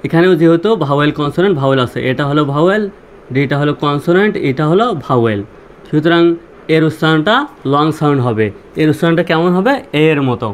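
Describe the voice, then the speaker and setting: A man with a somewhat high voice teaches a language lesson at a slow, repetitive pace. He poses questions to his viewers and answers them himself, one step at a time. Faint noise hisses under the recording. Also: lively intonation. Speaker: English teacher.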